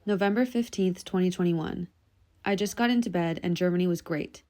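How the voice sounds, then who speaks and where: A woman reading personal journal entries aloud in a quiet, subdued, confessional way. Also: lowish voice, brisk.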